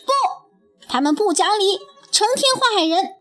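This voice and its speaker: A woman's voice: expressive, fairly bright tone, soft background music. Woman playing a cheeky defiant boy hero. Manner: defiant, high and quick.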